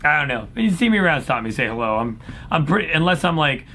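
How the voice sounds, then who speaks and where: A man's voice: very animated, quick pace, bright, forceful tone. A man speaking as an upbeat, folksy cruise director, casually answering questions in a laid-back chat. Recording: clear background noise with low rumble.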